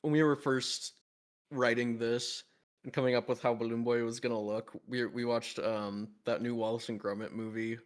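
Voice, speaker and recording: A man's voice: mid-range voice, little pitch movement, moderate pace. A man hosting a casual group Q&A over a call, rambling with restarts and frequent laughs. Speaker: animation studio team member hosting Q&A.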